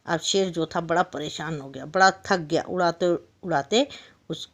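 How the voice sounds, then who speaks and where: Woman teacher with a lowish voice retelling a story for little kids, explains words, asks the class stuff. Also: normal speed. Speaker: school teacher. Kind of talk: storytelling lesson for young children.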